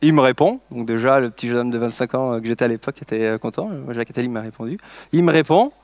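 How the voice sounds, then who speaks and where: A French social entrepreneur in his thirties tells a story in a conference talk, speaking rapid-fire in a mid-range voice with no room sound. He hesitates and restarts a lot and tosses playful asides to the audience.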